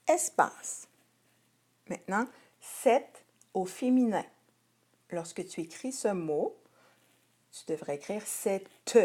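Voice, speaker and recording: A woman teacher with a Québécois French accent reads out a children's spelling dictation at a very slow, careful pace. Her low, mellow voice stays patient and spells out each word with deliberate articulation.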